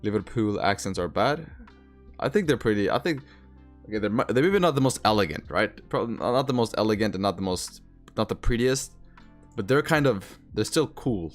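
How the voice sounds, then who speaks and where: With faint music behind him, a young Swedish man of Eastern European origin chats casually on his trading livestream, reading comments in a learned American accent. His fairly low voice is expressive at normal speed, and he leans on slang and repeats himself.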